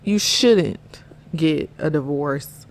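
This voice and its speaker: Slow, gravelly-voiced woman podcast host. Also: deep voice. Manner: earnest, laughs often. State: out of breath. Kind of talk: casual faith-based chat.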